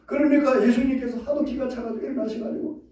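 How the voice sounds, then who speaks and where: A male pastor preaching a sermon, animated, acting out quoted prayers and leading the congregation to repeat after him. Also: extremely high pitch, fast. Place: church sanctuary. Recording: echoey church hall from far off.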